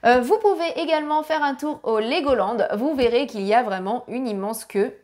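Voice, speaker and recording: A woman's voice: high-pitched, moderate pace, a little mellow. A woman narrating a family travel guide with practical tips, now and then apologizing for her English pronunciation.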